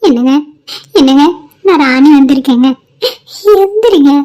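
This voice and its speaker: A woman's voice: high voice, expressive, a little slow, dark tone. Woman voicing a fretful village mother. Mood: desperate. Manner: fretful, wailing. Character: anxious middle-aged village mother. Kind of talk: cartoon voice acting.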